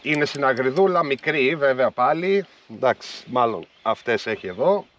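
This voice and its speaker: Out on the open sea in a small inflatable boat, a man in his thirties records a fishing vlog, talking calmly and explanatorily to viewers while he fishes in casual commentary. His voice is medium-pitched. An action camera mounted on the boat captures lo-fi sound along with boat and water noise.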